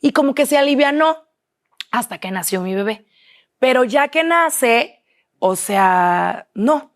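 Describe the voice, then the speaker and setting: Young Mexican woman, candid and fairly high. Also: expressive, takes it slowly. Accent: Mexican Spanish. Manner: confessional, quotes herself and others often. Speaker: interview guest. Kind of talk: candid personal interview.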